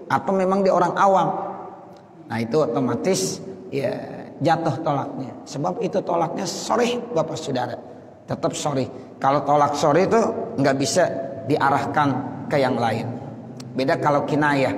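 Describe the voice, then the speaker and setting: Guy teaching a religious class, slows down for arabic bits, long echo in a big hall. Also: on the high side, a little hiss or hum. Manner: explains point by point, slows to recite Arabic phrases. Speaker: Islamic teacher. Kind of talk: religious lecture reading an Arabic text.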